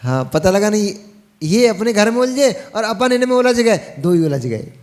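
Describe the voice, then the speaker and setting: A man's voice: high voice, big pitch swings, moderate pace, a little mellow. A man gives a Jain monk's sermon in a folksy style, speaking straight to his audience with teasing asides. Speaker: Jain monk preacher.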